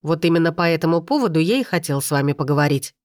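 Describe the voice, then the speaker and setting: A woman's voice: deep voice, expressive, fast talker, a little mellow, no echo, studio quality. A woman voicing a confident young man who speaks firmly to his partner and rivals. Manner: firm, clipped.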